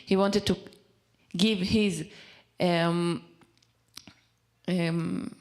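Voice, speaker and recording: A young woman from Israel, a native Hebrew speaker, telling her personal story in halting English, often pausing and restarting as she searches for words. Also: on the low side, steady tone, darkish tone. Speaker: speaker at a community event. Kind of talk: personal testimony.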